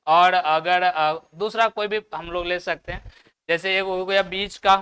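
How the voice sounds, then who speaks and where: A man with a Bihari Hindi accent lectures a class in a high, bright, clear voice. He asks the students question after question and answers them himself. He tags his points with "है ना" to check that they follow. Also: fairly even intonation, measured pace. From Bihar, India. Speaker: teacher.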